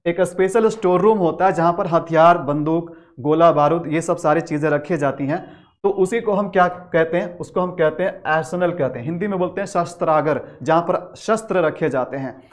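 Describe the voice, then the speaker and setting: A man with a high voice gives an English vocabulary lesson. He keeps asking rhetorical questions and answers them himself. He reads the English definitions slowly and with care. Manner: repetitive, asks the class questions and answers them; mixes Hindi with English words and definitions. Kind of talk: explanatory lesson.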